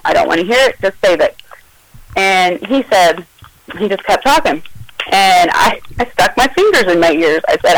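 Recounting a confrontation she was part of, a female caller speaks with emotion and agitation, voicing each quoted line. Her voice is mid-range with a fairly bright tone, and the poor audio carries slight background noise.

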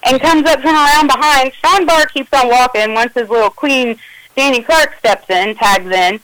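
A woman's voice: high voice, normal speed, fairly bright tone, no echo, rough recording. A woman telling an emotional, agitated first-person account of a confrontation, acting out the quoted dialogue. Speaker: caller recounting an incident.

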